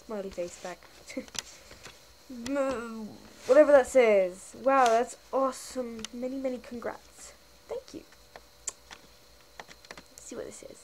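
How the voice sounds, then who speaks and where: A woman's voice: fairly high pitch, takes it slowly, pauses often, a little mellow, slight background noise, low-quality recording. A young woman hosting a casual vlog, reading viewer comments aloud and answering them in a chatty, giggly way. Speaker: channel host.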